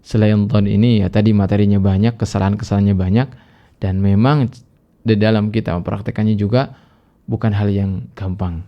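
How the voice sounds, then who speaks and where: A man with a gravelly, slightly rough voice teaches Quran recitation in a recorded lesson. He explains patiently and stretches example words into slow, careful chanting. The sound is a little dull and lo-fi. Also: on the low side, fairly even intonation. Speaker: Islamic teacher.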